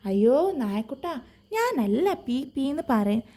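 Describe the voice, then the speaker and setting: A woman voicing a small timid male mouse who pleads and squeaks in a children's story. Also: very animated, a little slow, mellow, exaggerated voice. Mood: pleading.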